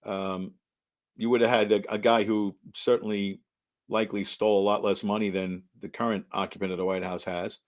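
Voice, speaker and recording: A man's voice: lowish voice, little pitch movement, normal speed. A man co-hosting a political podcast, chatting in a dry, conversational way. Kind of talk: casual political talk.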